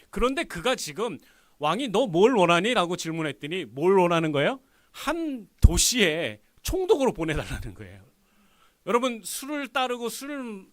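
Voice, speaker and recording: A man's voice: sits high, dry recording. A male pastor preaching a sermon, telling the story with acted-out lines and questions to the congregation. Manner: animated storytelling, acts out dialogue, asks the congregation questions. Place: church sanctuary.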